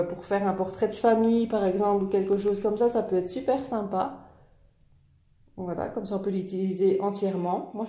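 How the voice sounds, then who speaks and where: A woman's voice: medium pitch, warm tone. Chatty woman in a roomy space. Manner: chatty, many fillers and repeats, laughs at herself. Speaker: online scrapbooking shop owner. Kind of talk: casual product presentation. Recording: echoey room.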